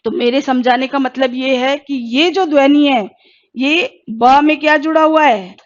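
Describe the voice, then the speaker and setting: High-voiced woman teaching Hindi. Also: highs cut off. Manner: asks questions and answers them herself; slow, careful pronunciation drills. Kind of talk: exam-prep lesson.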